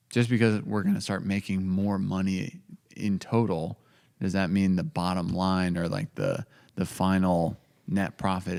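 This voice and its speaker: Man, gravelly low voice, rambling podcast co-host, acts out quotes. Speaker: coffee company co-owner, podcast host. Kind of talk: casual business podcast chat.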